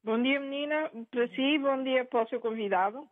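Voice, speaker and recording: An older woman phones in to a news programme, talking in an insistent, rambling way and circling back over her own words. Her voice sits a little high and comes through a tinny, dry phone line. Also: brisk, no echo. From Angola. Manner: insistent, rambling, repeats herself. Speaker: caller. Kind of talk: phone-in opinion.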